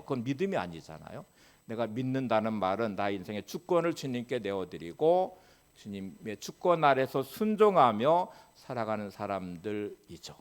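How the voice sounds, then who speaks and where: A pastor delivers a sermon in a church, his pitch rising and falling with lively expression. He steps into quoted rebukes and prayers by lifting his voice, then drops back to a calmer teaching tone. His voice sits in an ordinary middle range for a man. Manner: animated preaching, acting out Jesus' rebukes in a raised voice. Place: church sanctuary.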